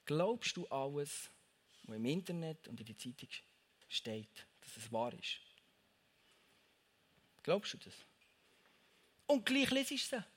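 A man's voice: sits high, bright, forceful tone. A young man gives a casual devotional talk, speaking straight to the listener and repeating his phrases for emphasis.

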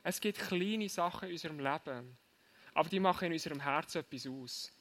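A man preaching to young people, telling a lively story and asking his listeners direct questions. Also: fairly high pitch, fairly quick.

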